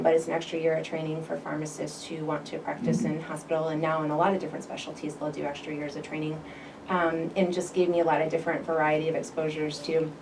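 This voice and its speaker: A woman, a pharmacist guest, describing her career steadily in a podcast interview. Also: low voice. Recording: distant mic with clear background noise.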